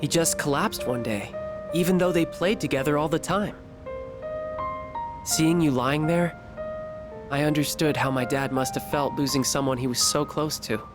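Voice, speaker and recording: A man's voice: fairly high pitch, moderate pace, long pauses, natural voice. A man voicing an earnest, caring teenage boy, a student, in a video game. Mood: earnest, remorseful. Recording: game music behind the voice.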